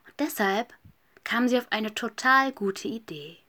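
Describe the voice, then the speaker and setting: A woman reading a children's story aloud, gentle and soft, often dropping to a whisper. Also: fairly high pitch, expressive, a little slow.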